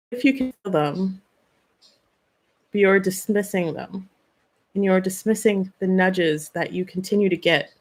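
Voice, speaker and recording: A woman channels spirit guidance on a live stream, speaking earnestly, posing questions, offering gentle advice and addressing viewers by name. Her voice sits low, and the recording is rough.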